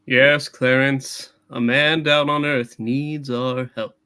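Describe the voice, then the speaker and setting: Kindly head angel, read by a man, authoritative, bright forceful tone, unhurried and halting, comic radio play. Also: medium pitch, little pitch movement, clear, resonant tone. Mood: solemn.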